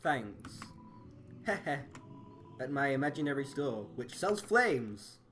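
A woman's voice: extremely low pitch, sing-song, slow, a bit bright. A woman streaming a game, chatting casually, laughing often and reading the game's text aloud. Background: game music.

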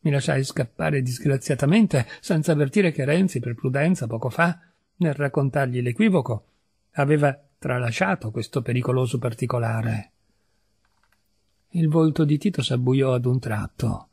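A man reading a short story aloud in a measured, expressive first-person narration. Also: mid-range voice, gravelly, breathy edge. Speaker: reader of literature.

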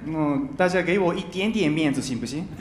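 A Japanese man in his twenties, a native speaker, performs a stand-up comedy monologue on a large TV studio stage before a live audience, holding a handheld mic. His voice sits on the high side and sounds animated and a little fast, with a Japanese accent and careful learner's phrasing. The sound is roomy, with audience noise throughout.

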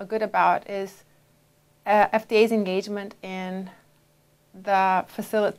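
A woman in her forties, originally from Brazil, answering interview questions in a measured way with frequent pauses and fillers, on a lapel mic in a dark studio. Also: mid-range voice. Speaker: interviewee, FDA official.

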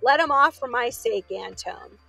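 A woman's voice: sits high, animated, measured pace, fairly bright tone, dry recording, faint music behind, heavily acted, poor audio. A woman voicing a jolly male pumpkin who talks in a coaxing, winning way. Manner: persuasive, winning tone.

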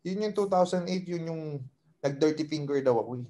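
A man's voice: fairly high pitch, a little fast, noisy background. A man in his thirties, a podcast guest, telling a story in a casual chat and acting out the lines of the people in it. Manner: animated, acts out quoted exchanges. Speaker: podcast guest, former college basketball player.

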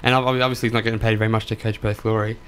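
Rapid-fire man talking football. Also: fairly low pitch, level tone, fairly bright tone, smooth. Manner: rapid, with stumbles and restarts. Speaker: co-host. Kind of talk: casual sports chat.

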